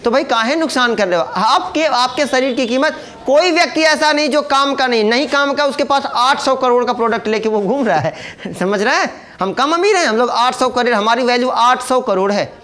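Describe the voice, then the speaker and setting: A man's voice: extremely high pitch, normal speed, a bit bright. A man teaching a casual classroom lesson, joking and asking rhetorical questions. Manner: chatty, asks rhetorical questions, jokes. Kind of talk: informal classroom lecture.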